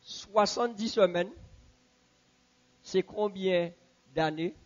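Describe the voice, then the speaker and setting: A man teaching a Bible class in a church, asking the audience questions and repeating answers slowly. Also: high voice, a little mellow, dull audio.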